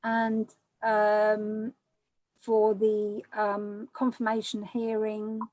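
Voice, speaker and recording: A woman with an English accent chairing a council panel meeting, brisk and informal with frequent hesitations. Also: medium pitch, monotone, a little mellow, no room sound, poor audio.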